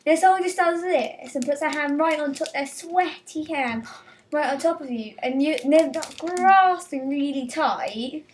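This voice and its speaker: A woman's voice: high-pitched, measured pace, distant mic, slight background noise. A teenage girl doing a casual comic rant, acting out little scenes with quoted lines and giggles. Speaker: vlogger.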